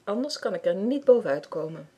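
A woman voicing a friendly grown man who leads a children's building club and calls out loudly to the group. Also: medium pitch, lively intonation, brisk, slightly rough. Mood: cheerful.

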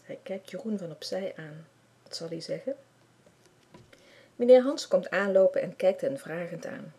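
A woman reading a children's story aloud with lively expression. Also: fairly low pitch, moderate pace, gravelly, husky.

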